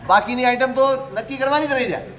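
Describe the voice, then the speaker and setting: A man, a Jain monk, preaching a sermon in a conversational way, with rhetorical questions and gentle humor. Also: very high-pitched, quick pace, muffled recording, a little hiss or hum.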